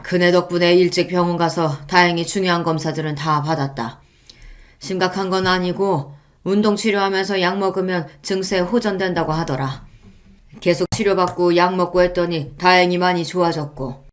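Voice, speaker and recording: A woman's voice: lowish voice, fairly even intonation, lightly acted. A woman voicing a stern elderly father-in-law. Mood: explaining. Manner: firm, scolding, measured.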